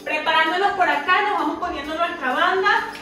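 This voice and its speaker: A woman's voice: extremely high pitch, a little fast, bright, forceful tone. A woman working as a fitness instructor, giving exercise cues and counting repetitions aloud with short, encouraging commands. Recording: echoey room, far from mic, music behind. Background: music.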